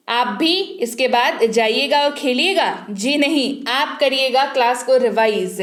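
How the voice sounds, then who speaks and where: A woman teaching an online English speaking class, reading each phrase slowly and repeating it twice for learners to copy. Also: high-pitched, roomy sound. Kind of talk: spoken English lesson.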